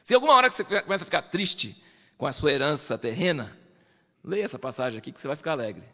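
A man preaching a sermon, lively, acting out believers in quoted voices. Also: fairly high pitch, quick pace, big-room sound.

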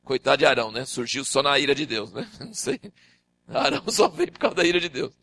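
An older man preaching a sermon, teaching from the Bible and acting out the figures' dialogue in raised, animated voices. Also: mid-range voice, quick pace, vocal fry, a little hiss or hum.

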